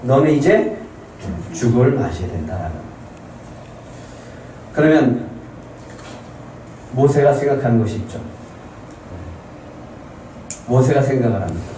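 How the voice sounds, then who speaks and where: A man's voice: mid-range voice, lively intonation, measured pace, long pauses, warm tone, slight background noise. A male pastor giving a Sunday sermon in a church and putting many questions to the congregation. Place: church sanctuary. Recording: very echoey church hall, mic at a distance.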